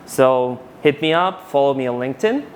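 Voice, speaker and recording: Animated man giving a conference talk. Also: medium pitch, normal speed, a little hiss or hum. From Ukraine. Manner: animated, casual, many restarts. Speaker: conference speaker. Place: conference hall. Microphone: handheld mic.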